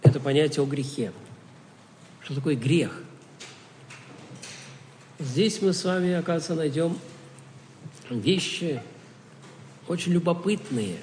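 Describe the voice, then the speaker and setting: A man's voice: a little high, lively intonation, a little slow, long pauses, darkish tone, long reverb tail, slight background noise. A man giving a spoken theology lecture, asking rhetorical questions and answering them himself, often stopping and restarting words.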